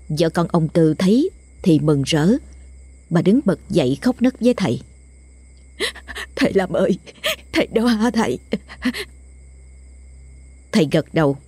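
Somber horror narrator: woman, low, dark, dry close sound. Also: slightly rough, no echo. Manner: measured, somber storytelling. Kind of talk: scripted horror story narration.

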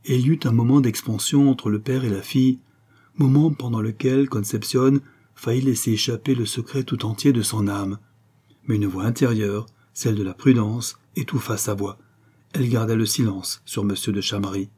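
A man narrating a classic novel as an audiobook, in a measured, dramatic manner. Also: mid-range voice, fairly even intonation, dark tone, breathy edge. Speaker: audiobook reader.

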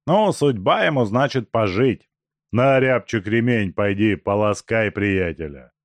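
A man reading an audiobook, voicing a brutal, mocking male robber chief in a loud, gruff, taunting voice. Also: fairly low pitch, expressive, a little slow, no echo, voice pushed up. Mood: gruff, brooding. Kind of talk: audiobook character voice.

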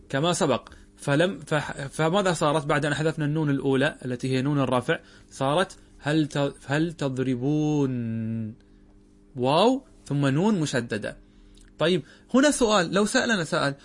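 A man teaching a grammar lesson as a sheikh. He explains step by step, poses questions and answers them himself, and draws out example words slowly. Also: on the high side.

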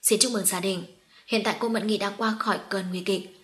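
A woman's voice: medium pitch, steady tone, fairly quick, close to an everyday voice. Woman doing a polite upbeat doctor, reassuring. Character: cheerful, courteous hospital doctor.

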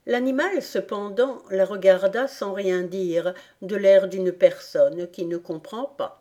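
A woman narrating an audiobook of a classic tale in a calm, measured way. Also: mid-range voice. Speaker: audiobook reader.

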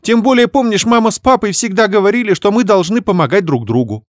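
A man voicing a bubbly, scheming young woman who chatters quickly and wheedles. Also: high-pitched, animated, dry recording, clean studio sound, voice pushed up. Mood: excited gushing.

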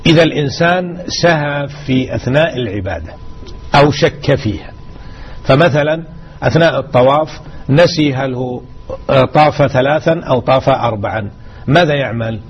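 A man's voice: mid-range voice, moderate pace, slightly rough, highs cut off. A man teaching a religious lesson on radio, exhorting his listeners and repeating key words. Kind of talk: explaining a hadith lesson.

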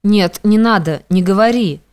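A woman's voice: medium pitch, normal speed, a little mellow, clear, resonant tone, natural voice. A woman reading an audiobook, voicing a frightened young woman who pleads timidly through tears.

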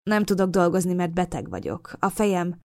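A woman reading an audiobook, voicing a timid young man who speaks haltingly and faintly. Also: on the low side, big pitch swings, mellow, no room sound. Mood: awkward.

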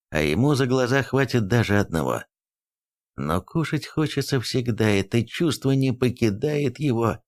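A man reading a novel aloud as a narrator, in an even storytelling manner. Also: lowish voice. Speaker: audiobook narrator. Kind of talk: scripted narration.

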